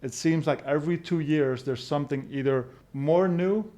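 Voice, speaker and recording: A man in his forties from Belgium, a podcast guest explaining his views in a calm, measured way. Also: fairly high pitch. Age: 40s. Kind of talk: casual podcast conversation.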